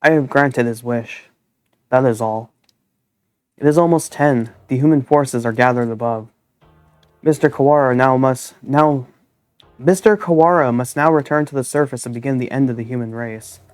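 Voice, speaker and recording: A man voicing a sinister, scheming male bird doctor who speaks with calm, smug menace. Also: mid-range voice, normal speed, dry recording, soft background music, lightly acted.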